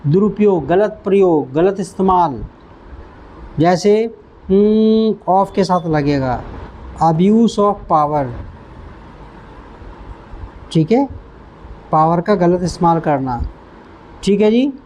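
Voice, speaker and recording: A man teaching English vocabulary, who repeats each word slowly and stops to quiz the listener. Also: high-pitched, expressive, mellow, lo-fi sound, slight background noise. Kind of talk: vocabulary lesson.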